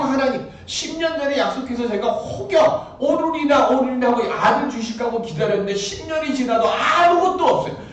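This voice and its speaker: Exasperated old man pleading with heaven, as a man puts him on, high loud voice, echoey hall, distant. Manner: loud, whining protest. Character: elderly man complaining to God, exasperated and pleading.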